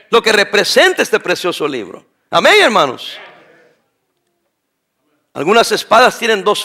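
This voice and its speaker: Emphatic male pastor, middle-aged, high bright preaching voice, rhetorical questions. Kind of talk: sermon.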